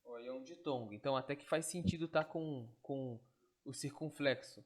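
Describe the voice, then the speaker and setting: In this online Greek lesson, the male teacher speaks at a medium pitch. He explains step by step, pausing to check in with quick tag questions.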